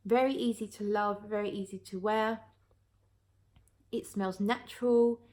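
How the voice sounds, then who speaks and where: A woman's voice: medium pitch, fairly even intonation, a little slow, darkish tone. A woman talking casually to viewers as a reviewer, chatty and thinking aloud as she goes. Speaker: perfume reviewer.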